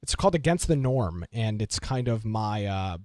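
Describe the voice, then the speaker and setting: A man's voice: on the low side, sing-song, moderate pace, darkish tone, dry recording, studio quality. A young man who is a college student, co-hosting a podcast in casual chat with a chatty, upbeat delivery and some hesitation. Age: young adult. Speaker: podcast co-host.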